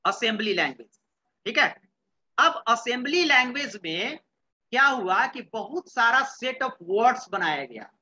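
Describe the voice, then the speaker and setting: Unhurried yet very animated, a man from Bihar, India, teaches computer science in Hindi laced with English terms, repeatedly questioning students and repeating their replies. His very high voice is bright and forward, and the dull, lo-fi recording carries a little hiss or hum.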